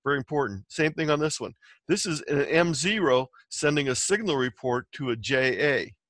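This presenter, a man, explains amateur radio software step by step over instructional slides, much like a teacher. He speaks at a normal speed in an animated, mid-range voice that's a bit bright, with no room sound.

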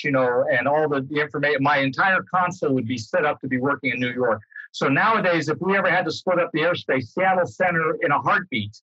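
Explaining informally on a video call and restating things as he goes, an older American man who once worked as an air traffic controller appears as a guest speaker. His fairly high voice sounds pushed and bright, with a breathy edge. He is in a book-lined home room, and the computer mic's sound is dull, roomy and lo-fi.

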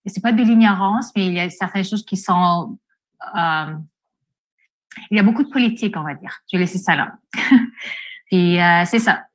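A woman's voice: lowish voice, moderate pace, long pauses, fairly bright tone. A woman who is a parent and a teacher, introducing herself on a video call, hesitant and full of restarts.

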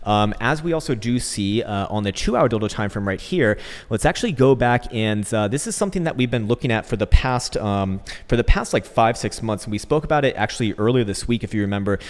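Fast-talking man in an echoing warehouse-like room. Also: fairly low pitch, expressive. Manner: rambling, jokey, coarse slang. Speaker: host of crypto trading channel. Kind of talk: casual market commentary. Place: indoors, untreated hard-walled room. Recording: echoey, bare warehouse-like room reverb.

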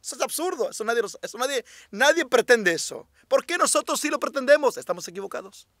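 A man's voice: very high-pitched, animated, fast talker, fairly bright tone, no echo, clean studio sound. A man, a rabbi, giving a religious class, emphatic and fond of repeating his key phrases and asking rhetorical questions.

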